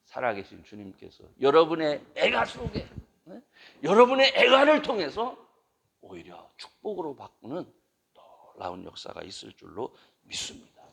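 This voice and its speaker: Impassioned Korean pastor, high gravelly voice. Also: male voice, huge pitch swings, normal speed. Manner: impassioned, pleading prayer cries rising to loud exhortation. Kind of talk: sermon and closing prayer.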